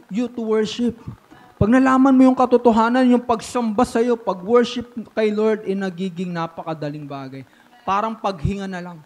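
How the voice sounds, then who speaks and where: Pastor, male, high-pitched voice, animated sermon delivery, slips English into his preaching. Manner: animated preaching with sudden swings from loud to hushed.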